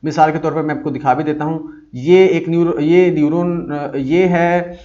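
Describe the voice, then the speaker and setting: A man teaching a psychology lesson, reading English lines slowly and then explaining them with many fillers. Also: a little high, fairly even intonation, warm tone. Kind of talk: explaining a lecture. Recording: dull lo-fi audio.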